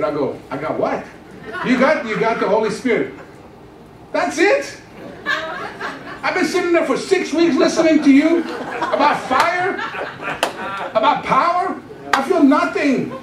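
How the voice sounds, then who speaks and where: In a very high-pitched voice, a middle-aged guest pastor delivers a testimony sermon on a church stage through a handheld mic. He tells it with animated storytelling, acting out the dialogue, and the echoey room is recorded from a distance with background noise.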